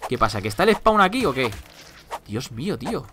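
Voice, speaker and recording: A young man talks through his gameplay in an animated, bright voice that swings widely in pitch. He is chatty and exasperated, swearing and exclaiming at his bad luck. A faint hiss of noise sits under the desk-mic recording. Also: a little fast. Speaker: gameplay commentator. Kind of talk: casual game commentary.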